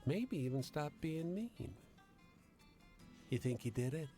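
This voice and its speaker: A man's voice: on the high side, lively intonation, slow, warm tone, soft background music, pitched above the performer's own voice. A man voicing a sly, folksy woman who tells a suspenseful tale in a story game. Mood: sly, teasing. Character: sly female storyteller with a secret, playful ghostly lady. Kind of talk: video game character voice.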